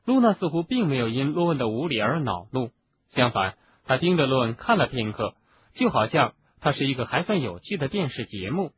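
A man narrating an audiobook in an expressive storytelling manner. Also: mid-range voice, fairly quick. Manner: expressive, doing voices for each character. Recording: narrow phone-like sound, faint hiss.

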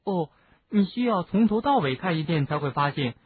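A man reading an audiobook, raising his voice to play an anxious, sharp-tongued teenage girl witch who hesitates. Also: lively intonation, moderate pace, slight background noise, natural voice. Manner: hesitant, raised pitch. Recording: narrow phone-like lo-fi sound.

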